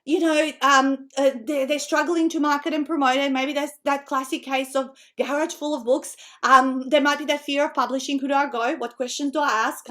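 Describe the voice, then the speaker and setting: Presenting an online seminar as a book-writing coach, this middle-aged woman from North Macedonia sounds energetic and sits high in pitch. She's a native Macedonian speaker whose Australian accent carries a Macedonian tinge, and she chats along with frequent tag questions and laughs.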